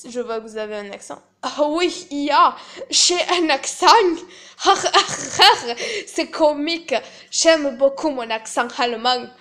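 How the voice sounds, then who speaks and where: A woman's voice: high voice, a little slow, a bit bright. A woman playing a pompous male artist with a German accent. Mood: gleeful. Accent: German, put on. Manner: pompous, theatrical.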